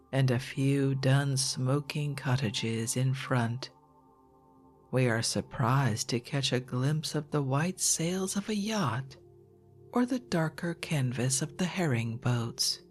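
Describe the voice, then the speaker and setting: Very slow, hushed ASMR reader. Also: mid-range voice. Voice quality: soft, hushed, partly whispered. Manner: slow, measured, calming delivery. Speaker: narrator, reader. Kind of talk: ASMR quiet reading of an old geology book, scripted narration.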